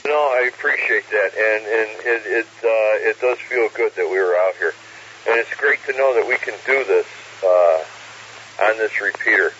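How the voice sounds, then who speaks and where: A man's voice: lowish voice, moderate pace, pushed and bright, highs cut off. Man hosting over hissy radio static. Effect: radio transmission with static. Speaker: radio net control host. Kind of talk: casual amateur radio net hosting.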